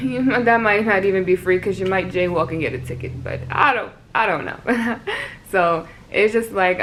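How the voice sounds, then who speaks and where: A young woman with a New York accent talks casually to her vlog audience, rambling through her thoughts with plenty of "like" and "you know." Her voice sits a touch low, and there is a faint noise under the recording. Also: poor audio. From Brooklyn, New York. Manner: rambling, filler-heavy, laughs often. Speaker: vlogger.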